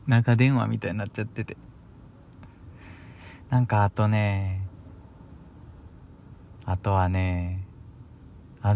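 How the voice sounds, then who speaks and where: A man's voice: lowish voice, gravelly, darkish tone, a little hiss or hum. Young man, Kansai accent, solo radio chat, bashful, chuckling, loose rambling delivery. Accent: Kansai Japanese. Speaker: radio host. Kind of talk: casual solo radio talk.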